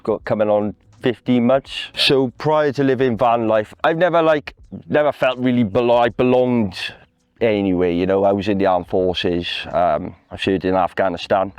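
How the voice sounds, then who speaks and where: Low-voiced Welsh man, chatting candidly. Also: smooth, dry recording. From Wales. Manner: conversational, with frequent "you know" and "like" tags. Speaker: van dweller being interviewed. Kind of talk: casual, candid talk.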